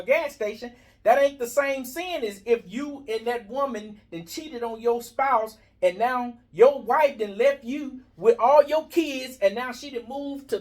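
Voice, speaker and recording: A man's voice: extremely high pitch, a little mellow. An American man in a heated, casual barbershop debate, preaching his point argumentatively and repeating phrases for emphasis.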